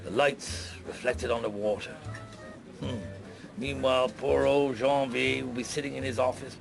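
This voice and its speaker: Give this police inspector a gravelly, mid-pitched voice. He is shrewd and wry, hesitating as he feigns idleness, in a radio play with music underneath. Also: steady tone, moderate pace, low-quality recording. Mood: musing, wry. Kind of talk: radio drama acting.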